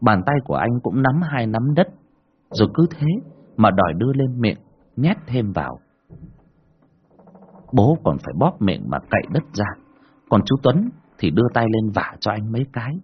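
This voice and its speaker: A man narrates a horror story in a dramatic, expressive way, his pitch rising and falling a lot. His voice is husky, and the recording sounds dull and lo-fi. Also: normal speed, pauses often.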